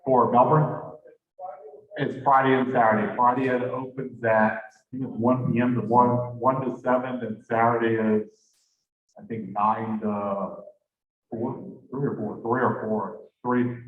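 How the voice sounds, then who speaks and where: Speaking at medium pitch with a steady, unhurried tone, a man delivers loose, conversational announcements at a club meeting and corrects himself along the way. The handheld microphone is held well away, so the room sounds tinny, echoey, and distant.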